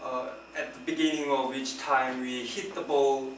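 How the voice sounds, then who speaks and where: A young man with a Korean accent, nervous and hesitant, stands before his class presenting vocabulary. His mid-range voice holds a level tone at a moderate pace, picked up distantly in a roomy, noisy classroom.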